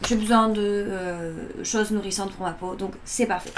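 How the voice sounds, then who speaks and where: A woman's voice: medium pitch, steady tone, measured pace. A woman in her early twenties chatting informally as she presents beauty products in a casual vlog review. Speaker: beauty box unboxing vlogger. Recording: electric fan noise in background. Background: whirring electric fan.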